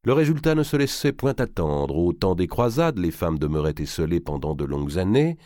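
A man with a low voice reads a historical novel aloud, and his intonation rises and falls dramatically. The recording is close and completely dry. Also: a little fast, no room sound. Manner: expressive, theatrical reading. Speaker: narrator. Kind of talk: dramatic audiobook reading.

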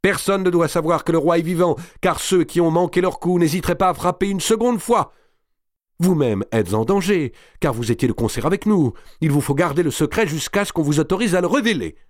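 A man voicing a firm noblewoman who urges and persuades with insistence, his voice raised high and loud. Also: expressive, fast, dry recording, studio quality, lightly acted. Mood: urgent. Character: noblewoman, older, firm and commanding protector.

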